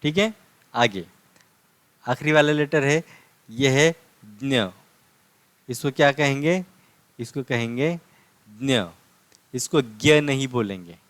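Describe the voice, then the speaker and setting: Male language tutor, unhurried and patient drill delivery, mid pitch, dry room. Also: no room sound. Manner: slow, drawn-out syllable drills, explaining. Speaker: language teacher. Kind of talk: patient letter-by-letter language lesson.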